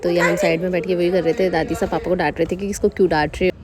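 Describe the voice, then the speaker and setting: A young woman narrating her day in a casual home vlog, chatty and rambling with quick asides, recorded on a handheld phone in a village house. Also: on the low side, steady tone, crowd noise. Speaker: vlogger.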